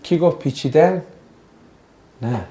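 A slightly high, animated voice with a warm tone belongs to a religious studies teacher giving a lesson. Joking with his pupils, he trades banter and puts questions to the class.

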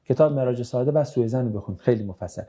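A man teaching religion, reading out audience questions and answering them in a brisk, conversational way with dry joking asides. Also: medium pitch, warm tone.

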